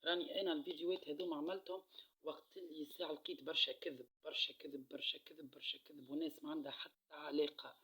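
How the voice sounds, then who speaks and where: A man's voice: fairly high pitch, level tone, rapid-fire, bright, forceful tone, husky, rough recording. A man with a Tunisian accent giving a casual card-reading monologue, repeating phrases and letting them trail off into a near-murmur. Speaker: card reader.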